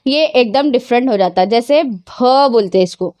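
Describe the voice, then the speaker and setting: A woman's voice: on the high side, lively intonation, moderate pace, darkish tone, no echo. Woman teaching a grammar class. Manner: patient, asks questions and answers them herself; mixes English words into explanations. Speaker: Urdu teacher.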